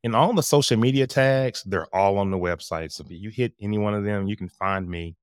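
A man with a low, magnetic voice, speaking as a podcast guest and coach in an animated, emphatic conversational storytelling style. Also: a little fast, clear, resonant tone, no echo, studio quality.

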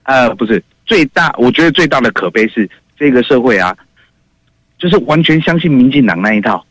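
Hesitant caller on radio. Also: male voice, medium pitch, lively intonation, fairly bright tone, no echo. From Taiwan. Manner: hesitant, halting, with many fillers. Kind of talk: call-in radio talk.

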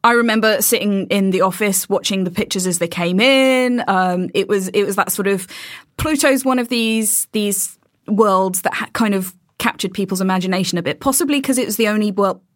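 Woman, casual science chat, hesitant restarts, mid pitch, dry close sound. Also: normal speed, no room sound. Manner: chatty, many ums and restarts.

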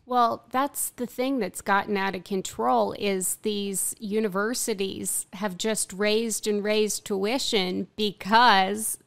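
A woman's voice: medium pitch, steady tone, takes it slowly, gravelly, few pauses, no room sound. A middle-aged woman with an American accent, talking casually as a podcast guest. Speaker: podcast guest, financial advisor. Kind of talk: casual conversational discussion.

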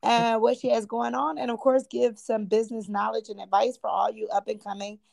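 A woman's voice: fairly high pitch, little pitch movement, a little fast, gravelly, darkish tone. A woman hosting a fashion podcast, introducing the show and her guest and affirming her often. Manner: affirming, frequent "yeah"s. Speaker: podcast host.

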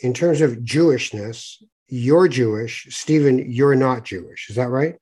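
Speaking a little slowly, this Toronto podcast host has a medium-pitched, dark voice with a breathy edge. He chats through the interview with plenty of fillers and restarts.

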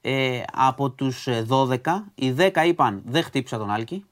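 A man co-hosting a radio show, recounting the news in a measured, somewhat hesitant way. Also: medium pitch, animated. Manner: measured, hesitant, many fillers and restarts. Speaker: radio co-host reporting news. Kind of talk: casual radio news chat.

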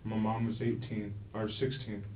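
A man's voice: lowish voice, monotone, a little hiss or hum. Man rambling in a distant, tinny room. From Florida. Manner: rambling, halting, with many restarts. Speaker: interviewee. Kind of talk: police interrogation. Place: police interview room. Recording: echoey, distant, phone-like interrogation room audio.

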